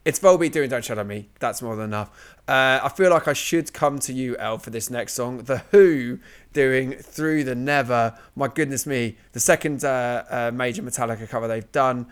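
A man hosting a music review podcast, chatting casually and enthusiastically, swearing freely as he moves through the tracks. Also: mid-range voice. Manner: enthusiastic, sweary, leads the running order. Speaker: podcast host.

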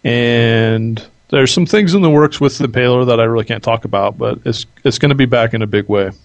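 A man speaking as a podcast guest in casual interview chat, halting a little as he thinks aloud. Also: medium pitch, dry recording.

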